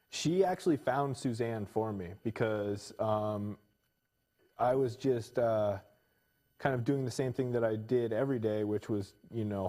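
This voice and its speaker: Man, guest painter, hesitant, modest, low voice, mellow tone. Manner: modest, hesitant, soft-spoken. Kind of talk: casual interview chat.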